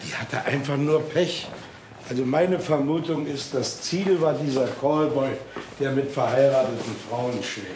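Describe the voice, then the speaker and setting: A dry, matter-of-fact police detective, played by a man. His voice sits mid-range and steady. Noise runs under the scene. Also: mid-range voice, measured pace, natural voice. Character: level-headed male police detective. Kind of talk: TV crime drama acting. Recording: noisy TV soundtrack.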